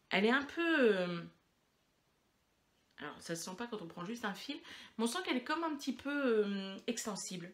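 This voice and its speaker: A woman hosting a knitting podcast, chatting casually and rambling with many fillers and restarts. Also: mid-range voice. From France. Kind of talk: casual chat to camera.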